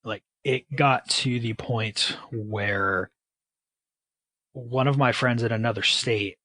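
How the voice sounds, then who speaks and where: A man's voice: lowish voice, a bit bright, breathy edge, dry recording, low-quality recording. A man speaking candidly and casually about his own experience, with wry, self-deprecating sarcastic asides. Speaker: podcast guest. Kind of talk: candid personal storytelling.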